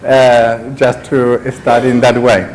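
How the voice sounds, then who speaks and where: A man's voice: mid-range voice, monotone, slow, a little mellow. A middle-aged man from Argentina, giving a conference talk full of anecdotes and self-deprecating humor. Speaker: conference speaker. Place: conference hall. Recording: echoey hall with background noise.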